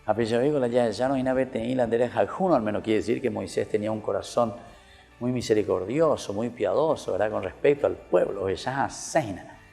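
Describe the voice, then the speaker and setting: Male priest, gravelly and mellow, conversational sermon style, reverberant with soft music. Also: fairly low pitch, fairly quick. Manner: conversational preaching, mixes in Guarani words, rising when voicing Moses. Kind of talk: radio Bible reflection.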